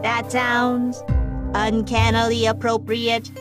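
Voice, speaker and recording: A woman voicing a cold, literal female robot in a flat, monotone robot voice, dubbing game cutscenes. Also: fairly high pitch, slow pace. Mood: deadpan. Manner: flat, monotone, deadpan delivery. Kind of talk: fan dub of game cutscenes. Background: loud game music.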